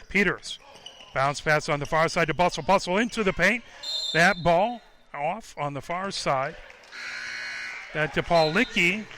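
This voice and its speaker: A man doing live radio play-by-play of a high school basketball game from courtside, in rapid, clipped calls that jump up on made baskets. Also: pushed and bright, slight background noise.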